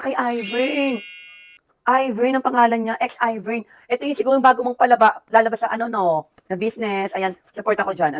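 A middle-aged woman from the Philippines chatting casually as she opens birthday gifts, gushing and slipping English phrases into her talk. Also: medium pitch. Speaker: vlogger opening birthday gifts. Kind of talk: casual unboxing vlog.

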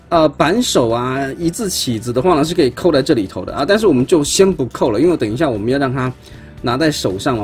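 A man, chatting casually while he shows step by step how a toy is put together, often stumbling and repeating words as he handles parts at an indoor tabletop. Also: mid-range voice. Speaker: toy reviewer. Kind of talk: casual unboxing demonstration.

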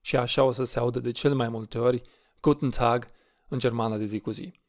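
A man teaching a language lesson, saying words slowly and clearly and repeating them for practice. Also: mid-range voice, fairly even intonation. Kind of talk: slow, clear pronunciation lesson.

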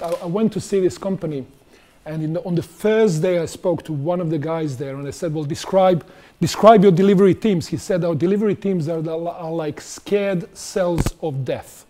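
A man's voice: a little high, warm tone. A middle-aged man giving a conversational conference talk on stage in a large auditorium, putting questions to the audience. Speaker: conference speaker.

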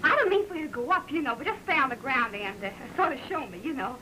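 A woman's voice: high voice, expressive, fast, pushed and bright. An actress playing a slangy, playful young working-class American woman in an early talkie. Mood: coy, hopeful. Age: young adult. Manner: slangy, chatty. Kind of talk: early talkie film acting. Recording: noisy old film soundtrack.

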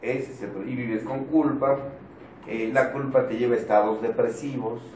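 A man's voice: medium pitch, steady tone, moderate pace, a little mellow. A man with a Mexican accent giving an informal, joking motivational talk to a support group, speaking bluntly and swearing casually. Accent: Mexican Spanish. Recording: roomy, distant mic, faint noise.

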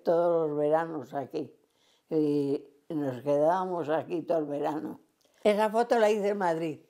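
Very elderly woman, slow unhurried talk, gravelly voice, reminiscing. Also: on the low side, dark tone. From Cantabria, Spain. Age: 100s. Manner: rambling reminiscing, acts out remembered dialogue. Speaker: interviewee. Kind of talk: oral history storytelling.

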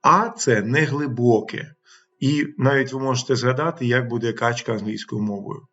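A man's voice: medium pitch, moderate pace, fairly bright tone, muffled recording. A middle-aged man teaching English pronunciation, demonstrating and repeating vowel sounds aloud. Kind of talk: pronunciation lesson.

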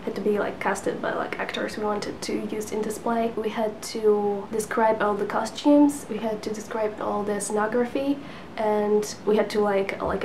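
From a living room couch with a lamp, a book vlogger in her twenties whose first language is Polish speaks casually to a camera in front of her at sitting distance, peppering her chat with fillers and small laughs. Her voice is medium in pitch, and there is background noise.

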